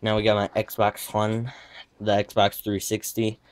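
Monotone and a little slow, a teen with a low-leaning voice and a retainer-induced lisp rambles through a casual tour of his gaming room, filming handheld. There's slight background noise, and his commentary drifts with self-correcting asides.

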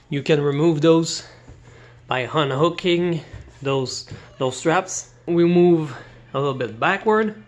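A man whose first language is not English, casually walking through a kayak he holds the camera over, talking haltingly with many fillers and restarts. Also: a little high. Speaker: kayak reviewer. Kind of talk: casual product walkthrough. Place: indoors beside a kayak, camera in hand.

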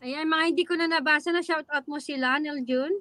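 A woman with a Filipino accent hosting a live stream in casual, halting chat with viewers. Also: high-pitched, steady tone, pushed and bright, dry recording.

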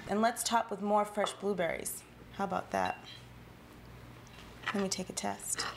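Speaking with a medium pitch, a steady tone and a measured pace, this thirty-something woman sounds somewhat creaky as she hosts a TV cooking show. She runs through each step of the scripted demonstration with upbeat rhetorical questions, in a home-style indoor studio kitchen. A little background noise can be heard.

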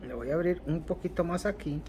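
Mexican man, slightly high voice, walks viewers through a ritual step by step, repetitive and unhurried, faint hiss behind. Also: darkish tone. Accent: Mexican Spanish. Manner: unhurried and repetitive, ending phrases with a questioning "ok". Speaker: occult ritual instructor. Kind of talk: spoken tutorial demonstrating a ritual. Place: indoors at a table covered with candles and ritual objects.

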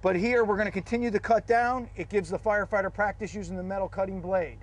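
A man with a high-leaning voice walks through a hands-on fire drill outdoors. His delivery is practical and methodical, laying out each step of the technique. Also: fairly even intonation, fast talker. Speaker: fire service instructor. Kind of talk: instructional demonstration.

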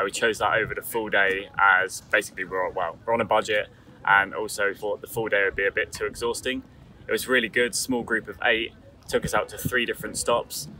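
A man hosting a casual travel vlog outdoors on a tropical island, chatty and relaxed, talking to a handheld camera. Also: on the low side. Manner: chatty, relaxed, self-correcting. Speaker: travel vlogger host.

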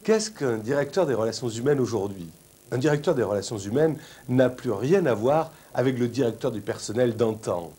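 A man's voice: medium pitch, lively intonation, moderate pace, warm tone, slightly rough, faint music behind. A man in his forties, an HR director in a comedy sketch, stumbling over acronyms and apologetically restarting. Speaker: human resources director. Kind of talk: comic interview. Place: office.

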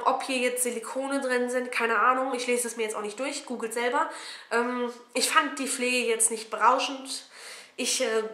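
A woman's voice: a little high, pushed and bright. Cheeky woman vlogger in an echoey room. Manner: cheeky, jokey, swears casually. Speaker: beauty vlogger. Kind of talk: casual product review chat. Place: at home indoors. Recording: roomy echo, faint noise.

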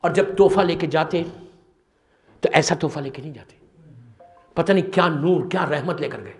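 A man's voice: a little high, soft background music. A man preaching a religious sermon to a gathering with passion, dropping English words into his talk. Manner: impassioned, mixing in English words. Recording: echoey hall sound.

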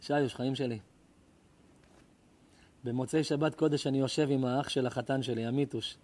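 A middle-aged man, a rabbi, giving an emotional sermon full of stories, swinging between loud cries and hushed tones. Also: medium pitch, fairly even intonation. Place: live lecture before an audience.

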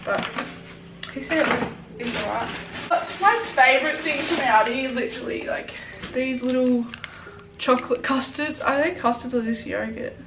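A woman's voice: high voice, normal speed. A young woman with an Australian accent, chatting casually and informally as a vlogger. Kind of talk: casual vlog chat. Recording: echoey room, distant mic, clear noise.

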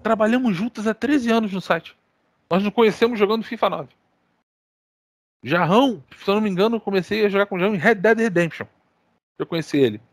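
A man with a Brazilian accent hosting a gaming podcast, telling stories in casual, animated chat full of slang and swearing. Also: high-pitched, fast talker, pauses often, no room sound. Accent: Brazilian Portuguese. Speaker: podcast co-host.

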